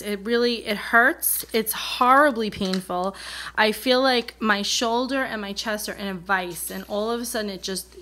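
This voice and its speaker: The coloring-channel host, an American woman, tells a chatty personal story while coloring at an indoor table, her medium-pitched voice pushed and bright, with a little hiss or hum in the audio. She's candid and wanders a bit, acting out remembered conversations, and a mild cold makes her sound slightly off.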